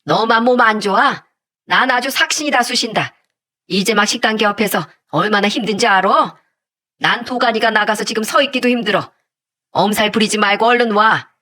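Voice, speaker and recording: A woman voicing a sharp-tongued older mother-in-law who talks in curt, bossy, sneering jabs, in a storybook-style telling. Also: mid-range voice, normal speed. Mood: scolding. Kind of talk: storybook narration with acted voices.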